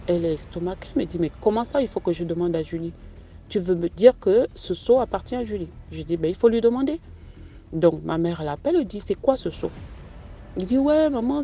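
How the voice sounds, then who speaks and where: Mellow-voiced woman telling her story. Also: lowish voice, slight background noise. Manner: hesitant and conversational, with many fillers and restarts. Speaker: storyteller sharing a personal testimony. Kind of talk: casual spoken testimony.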